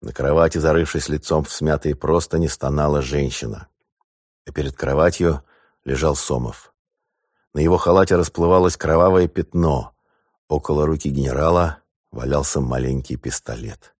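A male audiobook narrator with a very deep voice, reading in a steady, measured way. The recording is dry and close to the mic. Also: no room sound. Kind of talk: scripted narration.

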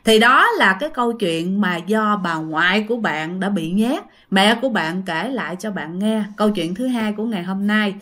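A woman's voice: mid-range voice, animated, moderate pace, few pauses, a bit bright. Chatty Southern Vietnamese woman telling ghost stories. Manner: chatty, addresses listeners directly. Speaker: storyteller. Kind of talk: casual ghost story narration.

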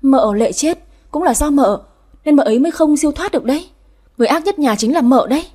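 A woman's voice: high voice, lively intonation, fast talker, dark tone, pitched above the performer's own voice. A woman voicing a terrified young servant girl who pleads tearfully and stammers, in a storybook reading. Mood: pleading.

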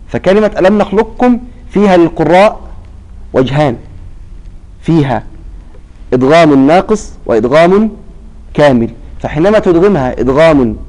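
A man teaching recitation rules in a lesson. He prompts his students with half-finished questions and stretches out example words slowly. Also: fairly high pitch, a little mellow, low-quality recording.

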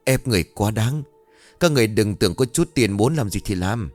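A man's voice: lowish voice, animated, fairly quick, a little mellow, soft background music, natural voice. A man voicing a stern, frustrated middle-aged father who scolds and protests indignantly.

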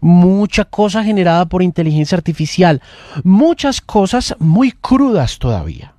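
A man hosts a morning radio chat, thinking out loud in long reflective stretches. His voice is mellow and sits a bit high. The studio sound is dry and close. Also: big pitch swings, normal speed, dry recording. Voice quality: talks in long, reflective runs with restarts. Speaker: radio host.

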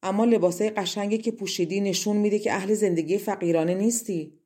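A woman's voice: mid-range voice, fairly even intonation, close to an everyday voice. A woman voicing a greedy, scornful old crone who walks with a cane and mocks as she talks. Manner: mocking, grasping, sharp-tongued.

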